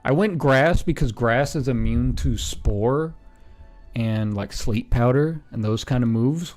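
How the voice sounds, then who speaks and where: A relaxed male streamer in a mid-range voice muses aloud, pausing on ums and correcting himself as he goes. His talk is casual and unscripted. Faint music plays underneath. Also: mid-range voice. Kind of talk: casual stream commentary while building a team.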